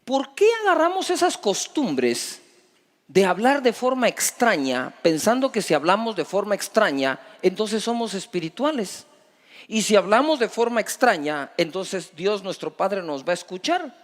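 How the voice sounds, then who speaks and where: A high-voiced man preaches a sermon in a large hall. He throws out rhetorical questions and moves between loud and soft. A long reverb trails after his words. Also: very animated, normal speed. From Guatemala. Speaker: pastor.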